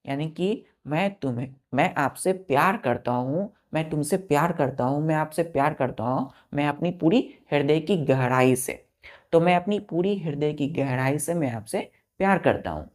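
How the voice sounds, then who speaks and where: A man teaching an English vocabulary lesson to exam students, spelling each word out letter by letter and often checking that it is clear. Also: on the high side, lively intonation, normal speed. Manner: spells words letter by letter and keeps asking if it is clear.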